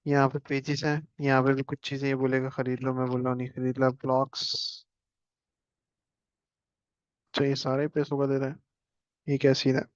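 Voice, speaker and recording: Guy walking through a software tutorial, flat steady voice, kinda dull lo-fi sound. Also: mid-range voice, moderate pace, pauses often, dry recording. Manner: casual, chatty, joking asides. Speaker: instructor. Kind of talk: screen-share tutorial.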